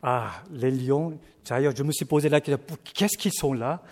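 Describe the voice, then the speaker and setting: A man preaching, reading scripture slowly and then commenting casually to his congregation with fillers and asides. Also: mid-range voice, long reverb tail.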